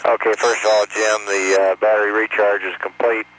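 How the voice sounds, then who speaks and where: A man's voice: on the low side, flat delivery, moderate pace, a bit bright, slight background noise, poor audio. A man, an astronaut, talking to mission control in an easygoing, procedural way over a space-to-ground radio.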